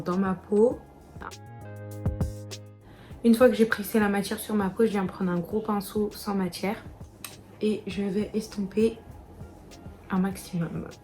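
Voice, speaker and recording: A young beauty vlogger with a mid-range, darkish voice walks viewers through a casual makeup tutorial. She's chatty and speaks to them directly.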